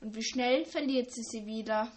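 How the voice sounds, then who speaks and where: A woman's voice: fairly high pitch, normal speed, natural voice. A woman reading the part of a friendly teenage schoolgirl, curious and amused.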